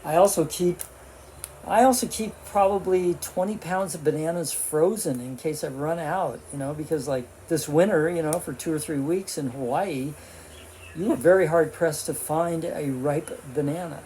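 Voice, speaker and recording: A man's voice: a little high, normal speed, warm tone, a little hiss or hum. A man in his seventies talking casually to a vlog camera, rambling with lots of fillers and restarts. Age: 70s. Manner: talking with his mouth full while eating. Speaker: vlogger.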